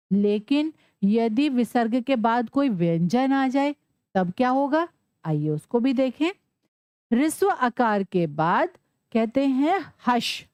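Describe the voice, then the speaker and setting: A woman's voice: on the high side, a little mellow, no room sound. A woman teaching Sanskrit grammar, asking questions and answering them herself. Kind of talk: classroom lesson explanation.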